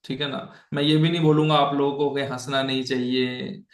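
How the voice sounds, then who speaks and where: The voice is mid-range and flat, a little fast, echoing around the room. It belongs to a Bhagavad Gita teacher running a relaxed online lesson, talking conversationally, often checking on his listeners, and dropping in English phrases.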